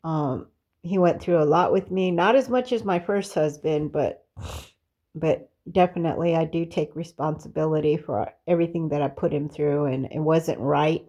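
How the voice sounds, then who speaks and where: A middle-aged woman telling her personal life story in a candid, confessional way, halting often with fillers and restarts. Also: low-pitched, dark tone, dull audio. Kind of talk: personal testimony, casual storytelling.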